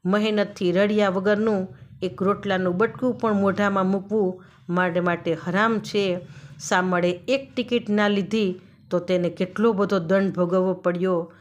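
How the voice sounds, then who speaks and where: A woman reading a story aloud in a steady, expressive storytelling narration. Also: mid-range voice, a little slow.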